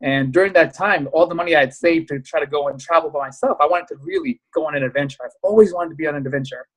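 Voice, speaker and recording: A man in his thirties, born in Pakistan and raised in the US, talking as a podcast guest in a casual, animated way with fillers. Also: on the high side. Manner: animated, rapid storytelling with fillers. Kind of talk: casual interview chat.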